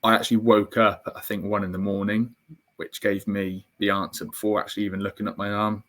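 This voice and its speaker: A young man with a somewhat low voice, speaking as an interview guest. He recounts a personal story in a candid, reflective way. His speech is full of "um"s, "kind of"s and restarted sentences. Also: flat delivery, a little fast, fairly bright tone.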